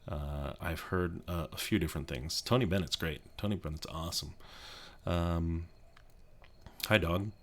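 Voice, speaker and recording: A soft-spoken man in his thirties from Colorado, with a deep voice, chats ASMR-style for his YouTube channel from a home office. He rambles and halts, restarting often and filling pauses, keeping his voice low so a child stays asleep.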